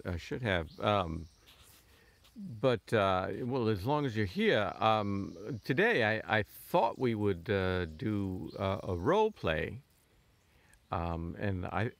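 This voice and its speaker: A man with a low, gravelly voice talks very slowly. His speech is halting and full of fillers and restarts. His pitch swings widely as he improvises the part of a patient in a casual role play.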